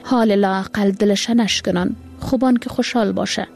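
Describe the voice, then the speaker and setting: A woman's voice: mid-range voice, steady tone, gravelly, a little mellow, soft background music, natural voice. A woman voicing a worried, loving mother and wife, with an exclaiming, pleading manner. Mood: anxious.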